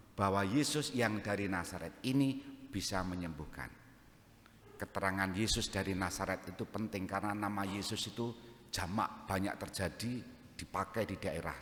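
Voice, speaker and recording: Javanese-accented priest in an echoey church. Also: male voice, deep voice, a bit bright. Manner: joking, conversational preaching mixed with local phrases. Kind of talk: homily.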